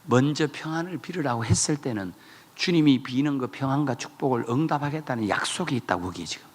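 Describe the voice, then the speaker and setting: A man preaching a revival sermon in a church, telling stories with sudden shouted high bursts. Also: fast. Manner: animated storytelling, jumping to shouted high bursts. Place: church sanctuary.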